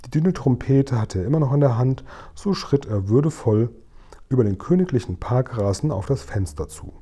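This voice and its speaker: A man reading a children's book aloud in a measured, expressive storytelling manner. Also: medium pitch, slightly rough.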